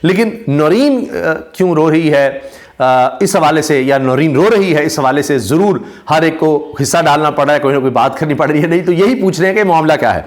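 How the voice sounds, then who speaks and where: A man, giving casual spoken commentary on news clips, talking at length with many drawn-out pauses and fillers. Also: on the high side, lively intonation. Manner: talkative, frequent "aa" fillers and pauses. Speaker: YouTube commentator.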